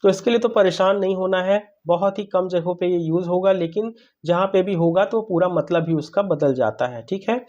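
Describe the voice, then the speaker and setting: A man's voice: high voice, normal speed, few pauses, a little mellow, muffled recording. A man teaching English grammar, who keeps asking questions and answering them himself and calls his listeners brother. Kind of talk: classroom-style grammar lesson.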